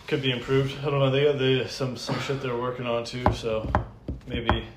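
A man's voice: mid-range voice, little pitch movement, normal speed. A man chatting casually in bro-ish slang. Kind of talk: casual chat. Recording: echoey room, faint noise.

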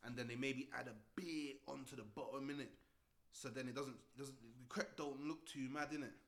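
A man's voice: medium pitch, fairly even intonation, a little fast, crowd noise. A young man with a London roadman accent bantering casually in slang, often repeating himself for emphasis. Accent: London roadman (urban London slang accent).

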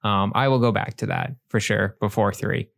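A man's voice: fairly low pitch, steady tone, normal speed, creaky, fairly bright tone. A man co-hosting a casual gaming podcast, chatting agreeably and pushing back playfully. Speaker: podcast co-host. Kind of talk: casual chat.

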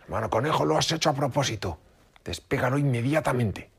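Un hombre narrador que da voz a un zorro macho enfadado e irascible, con voz aguda y gritona. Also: male voice, sing-song, moderate pace, husky, full character voice. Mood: angry. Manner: shouting, high-pitched, irritable. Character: cranky angry male fox, hot-tempered.

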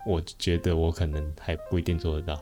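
A man with a somewhat low voice co-hosts a casual podcast chat. He talks in a hesitant, soft-spoken way and works English words into his sentences. Faint music plays in the background. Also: little pitch movement, fast talker.

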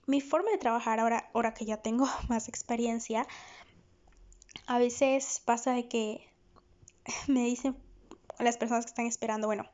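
A woman's voice: a little high, fairly even intonation, normal speed, pauses often, darkish tone. A woman psychologist hosting a podcast in a candid, chatty monologue, often laughing. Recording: dull lo-fi recording.

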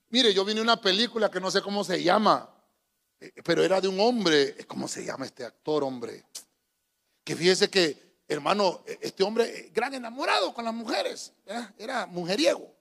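A man's voice: sits high, vocal fry, fairly bright tone. A man preaching to his congregation in a folksy, joking way, often calling them brother. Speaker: pastor. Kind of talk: sermon. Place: church. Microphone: handheld microphone.

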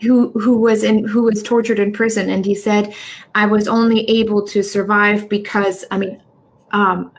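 A woman's voice: mid-range voice, little pitch movement, normal speed, a little hiss or hum. A woman hosting a casual spiritual conversation over a video call, affirming her guest and searching aloud for references. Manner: affirming, interjects, searches for words.

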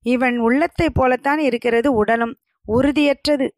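A woman's voice: high-pitched, steady tone, measured pace, a little mellow, no room sound, clean studio sound. A woman voicing a huge, scornful male warrior who mocks others, in a told story. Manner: scornful, mocking.

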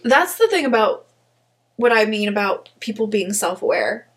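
A woman's voice: medium pitch, sing-song, normal speed. Blunt, emphatic woman co-host. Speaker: podcast co-host. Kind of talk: casual chat.

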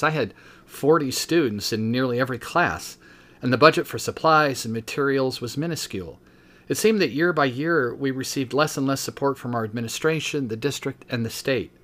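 A man's voice: mid-range voice, a bit bright. Man, 50s, teacher and podcast host, reading his own book aloud with brief asides, mid-range voice.

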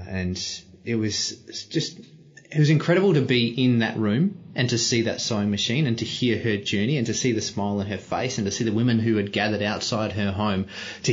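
A man, a podcast guest, telling stories and reflecting thoughtfully, often pausing to search for words. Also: lowish voice, lo-fi sound. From Australia. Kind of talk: reflective storytelling.

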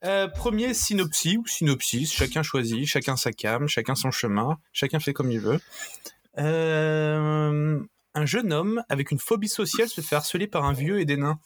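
A man's voice: fairly high pitch, lively intonation, normal speed. A man hosting a casual podcast quiz with friends, joking around and explaining the game rules at length. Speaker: quiz host.

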